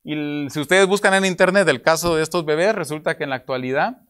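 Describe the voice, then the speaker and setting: Talking fast in a slightly high voice with a clean, somewhat bright tone, a young Guatemalan man presents at an academic conference panel. He uses a table microphone, speaks with a Guatemalan Spanish accent, and explains while asking rhetorical questions. Projector slides fill the conference room.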